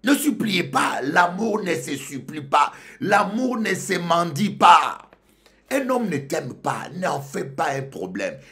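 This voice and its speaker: A male pastor from Congo, preaching a sermon that swings from loud outbursts to low murmurs. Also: big pitch swings, slow pace.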